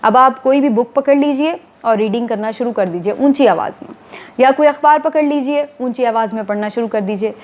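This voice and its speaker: A woman, a TV anchor calmly explaining to viewers, step by step, how to become a news anchor. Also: a little high, brisk, dull audio. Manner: steady, explanatory, addressing viewers formally. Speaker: TV anchor giving career advice. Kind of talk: instructional talk to camera.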